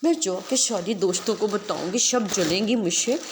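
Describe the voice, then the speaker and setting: A woman's voice: mid-range voice, moderate pace, background noise, lightly acted. A woman voicing a timid tiny doll child who speaks in lisping baby talk. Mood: delighted.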